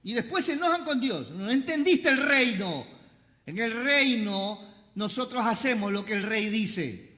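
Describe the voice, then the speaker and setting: A pastor preaching a sermon, having the congregation repeat lines after him, with playful joking asides. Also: male voice, extremely high pitch, animated, unhurried, pushed and bright. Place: church service. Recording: reverberant church hall.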